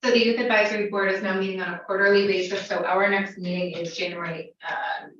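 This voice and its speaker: Woman, flat monotone, committee report, distant, very echoey chamber. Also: mid-range voice, fast talker, slight background noise. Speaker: legislator giving a committee report. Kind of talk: formal meeting report. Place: county legislature meeting room. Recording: dull, echoey chamber audio from a distant mic.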